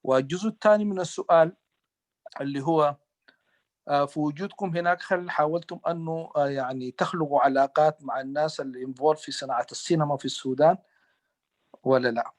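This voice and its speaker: A man with a Sudanese Arabic accent asks a panel a question. He talks very fast with a slightly high voice, pausing now and then to find his words. The sound is very dry and close. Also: no echo. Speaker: audience member asking a question.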